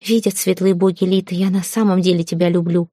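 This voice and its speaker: Woman voicing a gentle young woman in love, soft and pleading, mellow tone, dry close sound. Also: fairly low pitch, level tone, a little fast, no echo, natural voice. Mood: tearful. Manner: soft, pleading, near tears.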